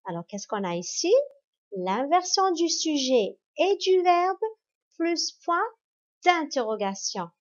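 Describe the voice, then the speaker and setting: Slow, high-voiced woman teacher. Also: sing-song. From Morocco. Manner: slow, spelled-out, encouraging classroom delivery. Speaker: primary school teacher. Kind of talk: grammar lesson for children. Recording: dull lo-fi recording.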